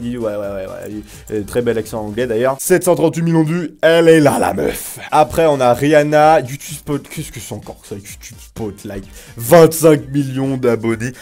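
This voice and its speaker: A young man giving casual reaction commentary as a YouTuber, excitable and exclamatory, full of slang. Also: medium pitch.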